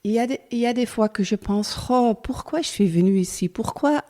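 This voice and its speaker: Her voice is on the high side, brisk, and dark in tone. A middle-aged woman from the Netherlands, she's a guest in a casual interview chat, speaking Dutch-accented French hesitantly as she searches for words with plenty of fillers.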